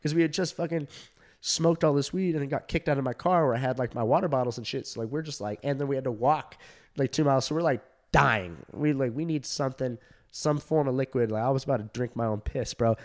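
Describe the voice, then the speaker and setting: A man who does stand-up telling a long story in casual chat, full of fillers, swearing and animated quoted voices. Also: mid-range voice, quick pace. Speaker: stand-up comedian.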